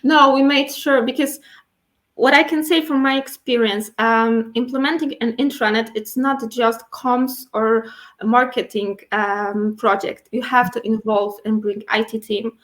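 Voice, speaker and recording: Higher-voiced woman talking with braces. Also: steady tone, a little slow, a bit bright. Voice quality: speaking with dental braces, slightly impeded articulation. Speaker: guest speaker, internal communications and IT professional. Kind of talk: explanatory interview answers.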